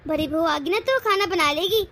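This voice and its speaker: A woman's voice: very high-pitched, brisk, fairly bright tone, slight background noise, pitched below the performer's own voice. A woman voicing an old, bossy mother-in-law in a cartoon, giving orders and scolding. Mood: commanding. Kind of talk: cartoon voice acting.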